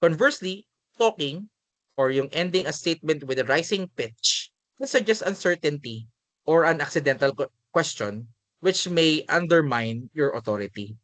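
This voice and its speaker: A Filipino-accented male teacher gives a spoken lecture in a relaxed, conversational manner, switching between Tagalog and English at an unhurried pace. His voice is a little high, and the recording is close and dry, with no room sound or echo.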